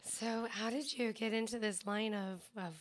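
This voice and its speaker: A woman hosting a casual chat, asking questions in a soft-spoken way. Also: on the high side, steady tone, normal speed. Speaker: host.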